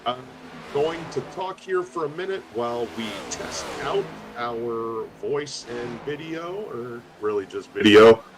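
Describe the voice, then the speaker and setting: A man's voice: mid-range voice, animated, measured pace, crowd noise. A man organizing a race event and speaking over a faint, distant microphone that sounds like he is talking from inside a cave. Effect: muffled, distant mic that sounds like talking from a cave. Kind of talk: casual live stream commentary.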